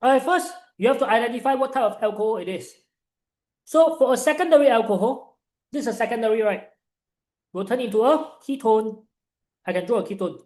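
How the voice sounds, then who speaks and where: A young man with a Malaysian accent tutoring online in informal, Singlish-like English full of local particles, animated and encouraging. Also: very high voice, brisk, echoey room, poor audio. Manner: animated, encouraging, peppering talk with "right" and "ah". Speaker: chemistry tutor.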